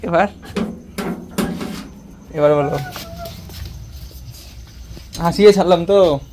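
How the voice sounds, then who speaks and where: A man's voice: a little high, slow pace, darkish tone, slight background noise. A man filming a casual home vlog, teasing and coaxing a child in a playful way, often repeating his words. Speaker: vlogger.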